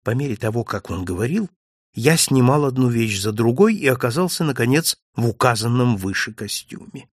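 A man narrating a novel as an audiobook, in an expressive, lively storytelling manner. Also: medium pitch, moderate pace, no echo, studio quality.

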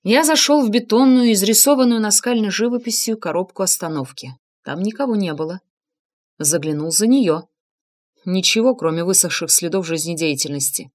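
A woman narrating a first-person crime novel as an audiobook, reading with expressive emphasis. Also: normal speed. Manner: expressive, shifting pitch for emphasis.

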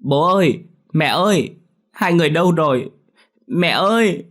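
Man doing a scared little girl, high-pitched, crying out, storybook voice. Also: normal speed, husky. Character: frightened little girl, clingy and tearful.

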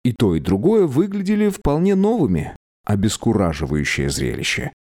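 Expressive male audiobook narrator. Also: mid-range voice, normal speed. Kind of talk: scripted narration.

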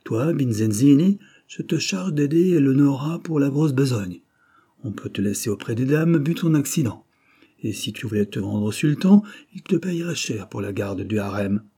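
A man voicing a jovial, boastful old bandit captain who talks in a booming, teasing, theatrical way. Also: lively intonation, normal speed, warm tone, husky. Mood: boisterous.

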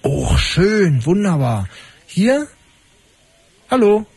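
Brisk high-voiced radio host. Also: male voice, sing-song, vocal fry, darkish tone, husky, no room sound. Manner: brisk, wry, cutting callers short. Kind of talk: fast call-in radio show.

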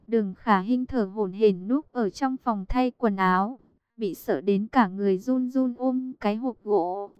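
A woman reading a romance novel aloud as an audiobook narrator, in an even, measured way, keeping her own voice for the quoted lines. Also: fairly high pitch, clear, resonant tone, no echo, muffled recording.

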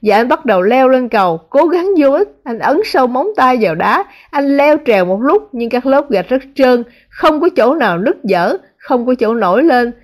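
A woman narrating a translated novel as an audiobook, in a measured, dramatic reading. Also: high-pitched, expressive. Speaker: audiobook reader.

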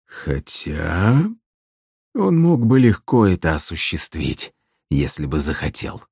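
A hungover middle-aged minstrel groans and whines every complaint, as a man acts him out. The voice sits deep and low, recorded dry and close for a storybook reading. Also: big pitch swings, slow pace, creaky, darkish tone, husky, no echo, exaggerated voice. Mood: groaning.

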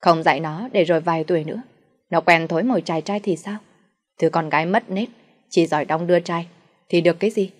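A woman's voice: lowish voice, fast talker, lightly acted. A woman voicing a shrewish middle-aged stepmother who scolds, curses and wails for the village to hear. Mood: scolding. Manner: scolding, cursing, wailing to the village.

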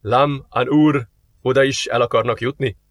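A man voicing a polite, formal male alien receptionist in an audiobook, measured and courteous. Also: mid-range voice, steady tone, no room sound, natural voice. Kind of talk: audiobook character voice.

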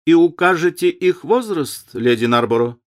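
A man voicing a world-weary young gentleman who talks in a sighing, languid way. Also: a little high, lively intonation, moderate pace, voice pushed up, lightly acted.

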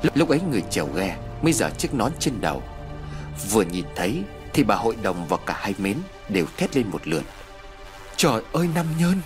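A man narrating a dramatic story in an expressive, dramatic style. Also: lowish voice, brisk, music in the background.

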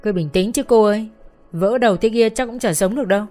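A woman's voice: mid-range voice, fast, mellow, soft background music, pitched above the performer's own voice, lightly acted. A woman voicing a blunt bystander who speaks in a matter-of-fact way at a crash scene.

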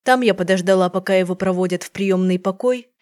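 A woman reading an audiobook, voicing a frightened, tearful young woman who pleads in a high, shaky voice. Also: fairly quick, darkish tone, no room sound, clean studio sound, natural voice. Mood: confessing.

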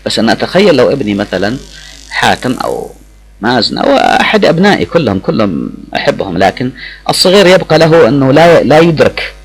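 A man's voice: medium pitch, very animated, fast, gravelly, husky, rough recording. A middle-aged man, speaking emotionally on the radio with many hesitations and restarts. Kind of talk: reflective personal talk.

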